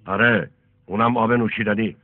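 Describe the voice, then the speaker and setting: An actor dubbing a bossy middle-aged guest who barks orders at servants. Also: male voice, fairly low pitch, steady tone, no room sound, natural voice. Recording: tinny phone-like film dub with faint music.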